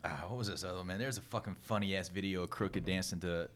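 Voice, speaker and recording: A man's voice: sits low, fast, a little hiss or hum. A man co-hosting a podcast in casual, slangy talk with plenty of swearing. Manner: profane, slangy. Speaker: podcast host. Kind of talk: casual chat.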